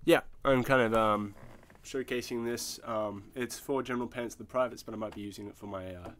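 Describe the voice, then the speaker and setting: Man with a cold, nasal and gruff. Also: mid-range voice, steady tone, fairly quick, fairly bright tone, slight background noise. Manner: self-mocking, offhand, hesitant. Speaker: musician introducing his song. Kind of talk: casual chat. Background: guitar.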